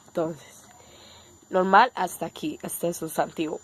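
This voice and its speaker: A woman with a Colombian Spanish accent gives a relaxed online language lesson in a slightly low voice. She explains each point step by step and keeps checking that her viewers are following along. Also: a little slow. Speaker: Korean language teacher.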